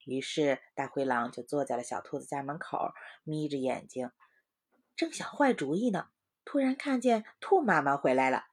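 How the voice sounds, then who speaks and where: A woman in her thirties telling a children's bedtime story in a gentle, expressive, singsong way. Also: low-pitched, normal speed, breathy edge.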